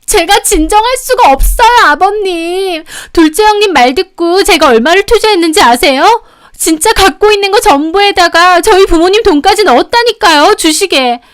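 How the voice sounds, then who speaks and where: A shrill young wife at the end of her rope, as a woman narrator puts her on, shrieking blame at the top of her voice, high above the narration. She sounds sobbing and out of control. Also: expressive, normal speed. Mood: shrill, furious. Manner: shrieking accusations.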